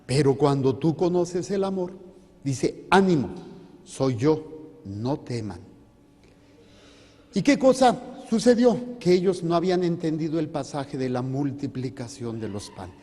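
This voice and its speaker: Priest, high voice, playful sermon full of questions to the crowd, long church reverb. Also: male voice, animated, moderate pace, dark tone. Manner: joking, asks the congregation questions. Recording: reverberant hall.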